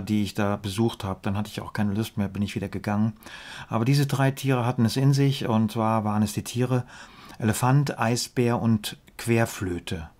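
Guy reading his funny poems real slow, deadpan little asides, voice sinks at the end of lines. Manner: slow, measured reciting, dropping low and quiet at line ends, with dry asides. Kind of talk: humorous poetry reading with spoken asides.

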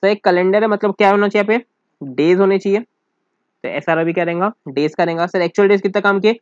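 A man's voice: high voice, brisk, dry recording. A man teaching a casual accounting lesson, working the sums out aloud and keeping on asking his students if they follow. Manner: keeps calling the listener sir and asking check questions; works sums aloud in mixed Hindi and English. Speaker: commerce teacher. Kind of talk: casual classroom lecture. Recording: dull, dry, muffled recording.

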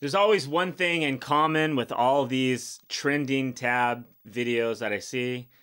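A man's voice: medium pitch, unhurried, fairly bright tone, clear, resonant tone, soft background music. A man in his fifties talks his way through a reaction video in a loose, casual manner. He is blunt about his opinions and rambles, filling the gaps with ums and you-knows. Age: 50s. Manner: blunt, rambling, with many fillers.

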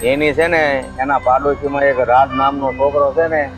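A middle-aged man, acting as a calm husband reasoning with his wife in a village drama. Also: mid-range voice, normal speed, music in the background. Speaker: husband, father.

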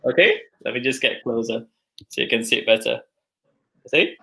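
Gravelly and sharp in tone, his medium-pitched voice moves at a moderate pace. He's a man in his forties giving an informal live cooking demo at home, narrating his work and thinking aloud, filler words and all. Sound comes from a video call camera carried around the kitchen.

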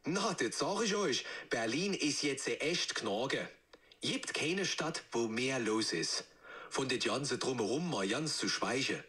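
A synthetic male voice assistant speaking in a smooth, even way while imitating regional dialects. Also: medium pitch, slow.

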